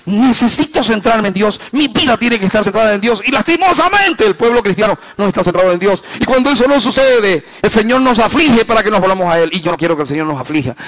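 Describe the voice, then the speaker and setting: A male pastor preaching a sermon in a fairly high voice. He swings from loud, high emphasis down to hushed, low passages, and he keeps asking the congregation rhetorical questions. The sound is close and dry, with little room echo. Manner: slows down to stress key phrases.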